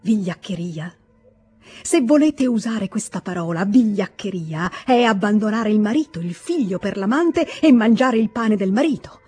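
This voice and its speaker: A reader voicing a stern, cold aristocratic husband, with a shrill, curt and contemptuous manner, in an audiobook reading. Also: lively intonation, moderate pace, darkish tone, husky, soft background music.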